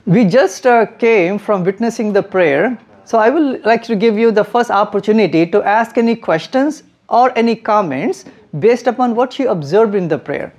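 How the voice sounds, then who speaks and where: A man's voice: high voice, lively intonation, normal speed, hardly any pauses, darkish tone, dull audio. A young man explains things to a group of visitors, friendly and patient, laughing now and then. He talks into a handheld mic in a classroom. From India. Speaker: mosque guide and educator. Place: mosque hallway, then classroom.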